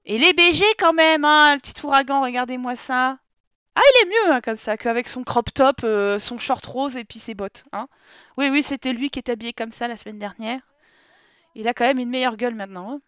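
A woman's voice: on the high side, fairly even intonation, a little fast, fairly bright tone, clean tone, no echo, muffled recording. A woman streamer giving casual let's-play commentary, talking to and scolding her game characters in an exasperated way. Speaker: gaming streamer.

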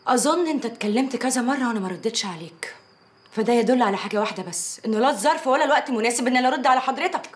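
Scornful Egyptian ex-wife, actress, high and rapid-fire. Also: female voice, animated, a little hiss or hum, natural voice. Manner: cutting, scornful. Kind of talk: film drama acting.

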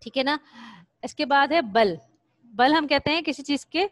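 A woman teaches young pupils in a slightly high voice. She is patient and explains things step by step. She often stretches single words out slowly and repeats them so children can follow. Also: fairly bright tone. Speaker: primary school teacher. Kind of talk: recorded classroom lesson.

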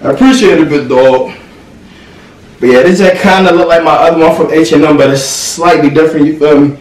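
A young man films a relaxed clothing haul, his fairly high voice set back from the camera in an echoey room with a faint hiss. He talks in loose slang and keeps checking in with the viewers. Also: fast, far from the mic. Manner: slangy, laid-back, keeps asking "you feel me". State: out of breath. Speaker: vlogger. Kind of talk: casual haul vlog.

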